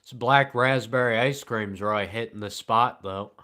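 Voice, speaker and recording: Speaking at a medium pitch, a man reads and answers his stream chat live, deadpan and sarcastic, with a flat tone and long silences between comments.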